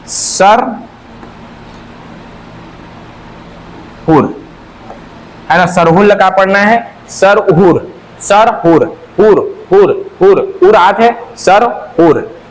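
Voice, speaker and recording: A man's voice: sits high, slow pace, low-quality recording. A man teaching an exam-prep class with a Chhattisgarhi accent, drilling answers by repeating them in a sing-song and asking and answering his own questions.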